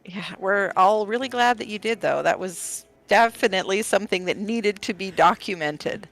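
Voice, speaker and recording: A woman's voice: mid-range voice, a bit bright, rough recording. A woman guest on a game stream, chatting casually and backing up her co-host. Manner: slow, supportive listener with short replies. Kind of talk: casual chat while gaming.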